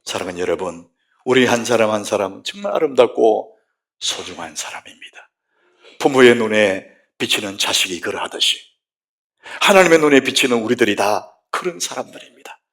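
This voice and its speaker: A middle-aged man, a pastor, preaching a sermon in a church, moving between hushed whispers and loud exclamations. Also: on the low side, lively intonation, normal speed. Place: church sanctuary.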